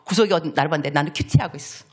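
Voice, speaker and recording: A middle-aged woman missionary preaching a sermon in church, animated and playful, acting out little voices as she goes. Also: deep voice, racing. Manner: animated, acts out voices of children and God, playful asides. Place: church sanctuary.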